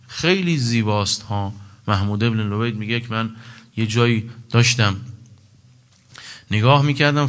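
A low-pitched male preacher delivering a sermon. He recites Arabic quotations and explains each one, and his voice lifts sharply when he drives a point home. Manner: emphatic, rising to a higher pitch on key points. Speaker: religious preacher.

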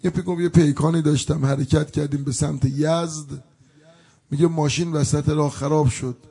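A man's voice: a little high, fairly even intonation, gravelly, warm tone, breathy edge. A male preacher delivering a mourning sermon, telling a story with emotion and breaking into plaintive chanted elegy.

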